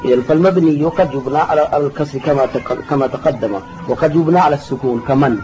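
Guy teaching a grammar class, repeats himself patiently, mellow voice, dull recording w faint hiss. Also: medium pitch. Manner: patient, repeats terms, answers students. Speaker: sheikh teaching Arabic grammar. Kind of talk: classroom lesson explaining a text.

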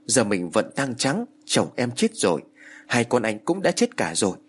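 A man's voice: mid-range voice, sing-song, moderate pace, husky. A man voicing a determined young widow who insists and pleads in a storybook tale. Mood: indignant.

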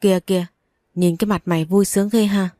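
A woman's voice: medium pitch, steady tone, fast, mellow, dry recording, lightly acted. Brief: woman voicing arrogant teasing young man, dry close read. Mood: mocking. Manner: teasing, rude, brusque.

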